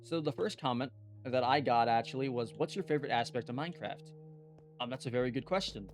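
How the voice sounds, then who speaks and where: A man's voice: medium pitch, fairly quick. A young man giving rambling, earnest casual commentary while he plays a game, full of fillers and restarts, with faint music behind him. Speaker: gaming YouTuber.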